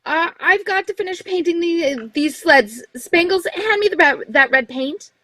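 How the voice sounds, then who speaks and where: A woman's voice: very high-pitched, lively intonation, a little slow, pushed and bright, no room sound, full character voice. A woman playing a busy, bossy Mrs. Santa who fussily orders the workshop helpers about in a live radio-play reading. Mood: fussy.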